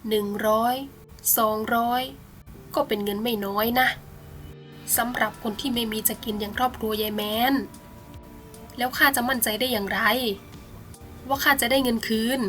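A woman voicing a greedy, sneering rich old man from the village in a bedtime storybook, who talks slowly and smugly. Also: a little high, steady tone, fairly bright tone, faint music behind, lightly acted. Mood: coldly scheming. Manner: mocking, slow and smug.

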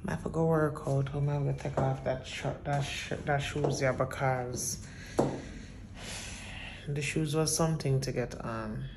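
A woman in her thirties with a very deep voice speaks a little slowly in a casual home vlog, phone held at arm's length in her apartment. The background is noisy, and her tone is chatty and relaxed as she talks right to her viewers.

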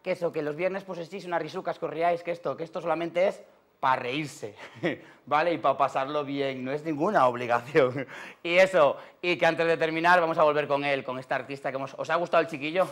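A man's voice: a little high, fairly quick, fairly bright tone. A man with a Cantabrian Spanish accent hosting a comedy show on stage in a female persona, teasing and chatting with the audience. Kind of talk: campy stage banter with audience. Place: TV studio stage with live audience.

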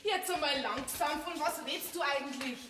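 An actress playing a sharp, indignant village woman. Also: sits high, moderate pace, natural voice. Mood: scolding. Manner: sharp, scolding, interrogating. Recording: echoey stage, noisy.

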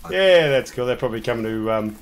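A man from New Zealand streaming a hunting game, talking casually and relaxed with some "uh" fillers. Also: mid-range voice, fast talker, clear, resonant tone. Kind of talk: casual gameplay commentary.

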